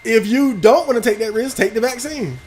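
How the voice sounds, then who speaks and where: A man streaming a video game with loud, profane, reactive outbursts and casual chat. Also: extremely high pitch, brisk, slight background noise. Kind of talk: casual gaming stream commentary.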